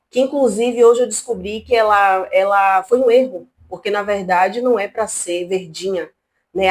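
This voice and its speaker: A woman from Brazil hosting a casual commentary vlog from her home, talking in an indignant, animated, chatty way. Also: medium pitch. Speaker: channel host. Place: at home, not a studio.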